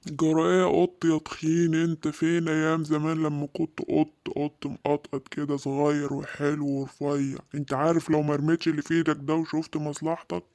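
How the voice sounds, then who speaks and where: A man's voice: on the high side, flat delivery, a little fast, a little mellow, lightly acted. A man voicing a stern big-brother cartoon animal with an Egyptian Arabic accent, scolding in a level voice. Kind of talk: children's cartoon voice acting.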